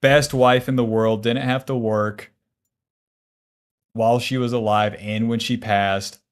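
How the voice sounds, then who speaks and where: A twenty-something man streams a game, chatting casually and bluntly, swearing freely and reading out answers to chat questions. His voice sits at medium pitch with fairly even intonation and a measured pace.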